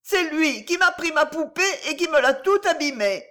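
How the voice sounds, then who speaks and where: A woman's voice: sits high, animated, normal speed, a bit bright, voice pushed up. A woman voicing a quarrelsome little girl who whines and accuses in a storybook reading. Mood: accusing. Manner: whiny, accusing.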